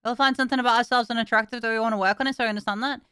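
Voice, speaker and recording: A woman's voice: a little high, steady tone, racing, bright, forceful tone, smooth, no room sound, studio quality. A woman streamer chatting casually with viewers, tired and in pain, talking frankly and swearing now and then.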